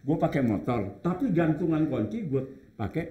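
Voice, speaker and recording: Animated comedian telling a story in an echoey room. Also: male voice, a little high, normal speed, lo-fi sound. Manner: animated anecdote teller, quotes characters. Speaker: veteran comedian.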